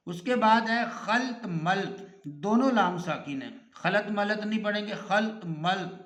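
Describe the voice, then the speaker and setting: A male Urdu teacher giving a recorded grammar lesson, slow and deliberate, repeating each word to drill its pronunciation. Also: sits high, fairly bright tone. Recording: echoey room.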